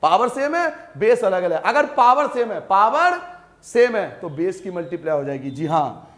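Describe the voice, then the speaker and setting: High-voiced maths teacher. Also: male voice, very animated, normal speed, a bit bright. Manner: repeats rules, quizzes students, calls them beta. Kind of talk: classroom maths lesson.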